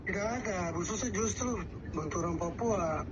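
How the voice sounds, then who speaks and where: A man's voice: sits high, normal speed. A man, a pastor, heard over a landline phone call, talking in a soothing way and often agreeing. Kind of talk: phone conversation. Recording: muffled phone line with loud hiss.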